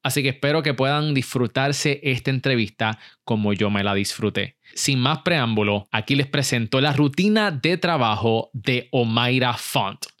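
Upbeat podcast host. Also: male voice, mid-range voice, moderate pace, hardly any pauses. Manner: upbeat, lively delivery with frequent fillers. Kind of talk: energetic podcast hosting and interviewing.

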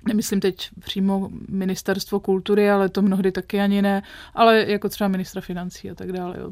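Measured woman, flat steady voice. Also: medium pitch, no room sound. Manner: thoughtful, measured, searching for words. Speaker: literary critic and magazine editor. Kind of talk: radio interview guest.

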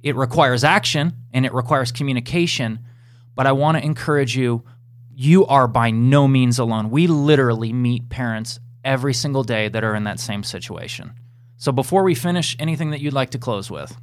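A man's voice: mid-range voice, a little fast, no room sound. A man hosting a podcast, closing the episode in an earnest, encouraging way and reading out the outro. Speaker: podcast host. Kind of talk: podcast host wrap-up and outro.

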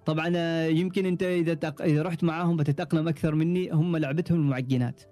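A young man with an Omani Arabic accent, telling stories as a podcast guest in a relaxed, casual interview. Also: fairly high pitch, rapid-fire, faint music behind. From Oman. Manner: relaxed storytelling, frequent trailing restarts. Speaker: podcast guest, ship engineer.

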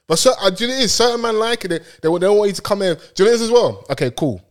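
Young man, London roadman accent, rapid speech, slangy, teasing, casual podcast host. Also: high-pitched, expressive. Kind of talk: casual banter.

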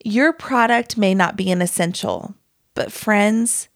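A woman's voice: medium pitch, slow, no room sound, clean studio sound. A woman hosting a solo podcast, speaking earnestly and emphatically and calling her listeners friends. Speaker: podcast host and small business owner. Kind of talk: scripted solo podcast talk.

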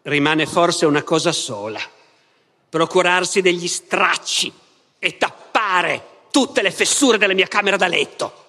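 A man reading aloud as Voland, a sardonic ancient Devil, with a slow, mocking, theatrical delivery. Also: high voice, lively intonation, bright, forceful tone, exaggerated voice. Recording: reverberant festival hall.

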